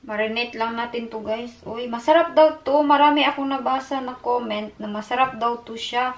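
Chatty high-voiced mom vlogger. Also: female voice, moderate pace. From Philippines. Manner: chatty, code-switching, exasperated. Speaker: mother and family vlogger. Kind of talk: casual cooking vlog. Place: home kitchen. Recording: echoey kitchen.

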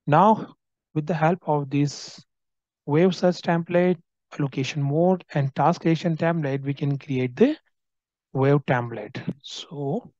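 Slow, dark-voiced male software trainer. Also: fairly high pitch, no room sound, dull audio. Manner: explanatory, frequent tag "right?". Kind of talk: screen-recorded software tutorial.

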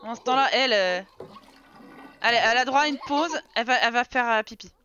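A woman streamer rattles through casual live commentary, scolding her game characters and thanking viewers in chat. Her voice is bright and forceful and sits a little high. The stream audio is slightly dull, with faint game music underneath. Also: a little fast. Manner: chatty, exasperated, talks to game characters and chat.

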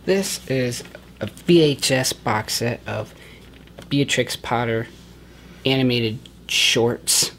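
A man's voice: mid-range voice, slow, a bit bright, a little hiss or hum. A young man co-hosting a casual book haul vlog, recorded in a small echoey room. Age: young adult. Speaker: book haul vlogger, co-host. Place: small indoor room at home.

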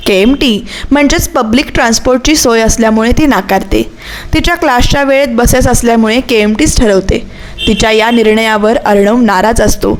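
Female audiobook narrator, slightly high voice, steady storytelling. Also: slight background noise.

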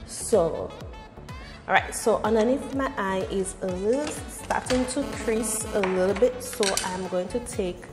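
A beauty vlogger in her thirties talks casually through a makeup tutorial and a personal story, repeating phrases for emphasis in a conversational way. Her voice is medium-pitched and somewhat dark. She's in a small indoor room with bare walls, and the recording is echoey and reverberant, with music behind her.

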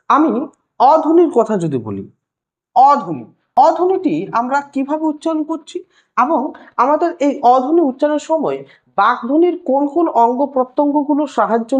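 Woman tutor, high animated voice, patient step-by-step explainer, repeats key words. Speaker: teacher. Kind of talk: explaining a Bengali language lesson.

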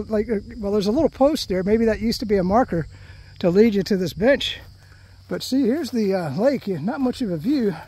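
Man, high voice, casual hiking vlog, rambling, chatty, recorded outdoors, crickets in the background. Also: dark tone, husky. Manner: rambling, chatty, frequent "you know". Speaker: hiking vlogger. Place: outdoors on a grassy trail through palm scrub.

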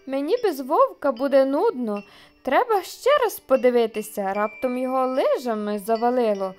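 A woman's voice: high-pitched, lively intonation, moderate pace, faint music behind. Give me a kindly, hungry storybook bear, voiced by a woman. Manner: sighing, kindly. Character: good-natured hungry male bear.

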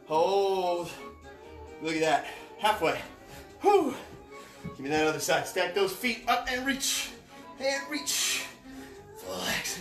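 Energetic fitness coach in an echoey room. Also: mid-range voice. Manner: energetic, encouraging, counts down reps; puffs out loud breaths while exercising. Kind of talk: live workout instruction. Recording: echoey room with faint music.

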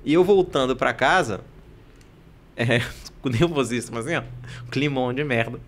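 A young man guesting on a podcast, telling a story in animated, excitable casual chat. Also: medium pitch, normal speed. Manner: animated, excitable, acts out scenes.

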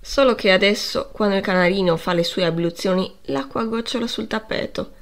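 A woman's voice: mid-range voice, close to an everyday voice. A woman reading the part of a bold, flippant schoolboy dandy speaking firmly to his teacher. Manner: jaunty, self-assured.

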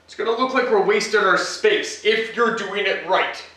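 A man with a high, sharp-toned voice speaks at normal speed while hosting a casual cooking demo at home. He chats through each step and cracks jokes along the way, recorded by a camera mic across the echoey indoor kitchen.

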